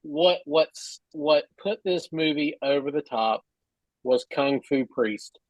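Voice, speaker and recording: A hesitant man taking part in a casual podcast chat, often restarting his sentences. His voice is a little higher than most men's, and the sound is dry and close. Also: dry recording, poor audio. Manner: halting, hesitant.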